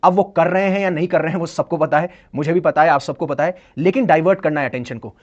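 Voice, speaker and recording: A man's voice: on the high side, quick pace, darkish tone, highs cut off. A man giving an explanatory current-affairs lecture as an exam-prep educator, mixing in English phrases and posing rhetorical questions that he answers himself. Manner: switches between Hindi and English phrases.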